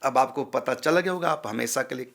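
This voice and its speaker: A man's voice: medium pitch, brisk, gravelly, a bit bright. A man, a spiritual teacher, patiently explaining how to pronounce mantra syllables and repeating sounds to drill them.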